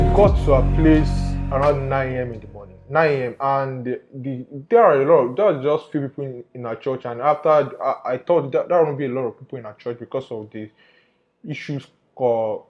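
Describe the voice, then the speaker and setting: A man's voice: mid-range voice, a little mellow. A man giving an informal investigative report to viewers, emphatic and often repeating his phrases. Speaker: undercover investigator presenter.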